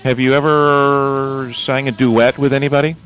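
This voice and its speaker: A man hosting a radio call-in show, easygoing and joking, with quick agreeing interjections. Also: mid-range voice, flat delivery, fairly bright tone, soft background music, rough recording.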